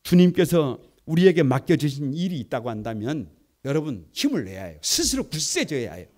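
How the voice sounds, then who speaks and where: A male pastor preaching a lively sermon and leading the congregation in reading scripture aloud, moving between quiet asides and loud exclamations. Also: a little high, brisk. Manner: animated, swings from soft asides to loud exclamations.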